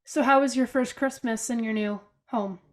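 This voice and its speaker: Sounding congested from a cold, this young podcast co-host chats cheerfully from her bedroom via video call, sprinkling in plenty of fillers. Her voice sits a little high, with a steady tone and a moderate pace.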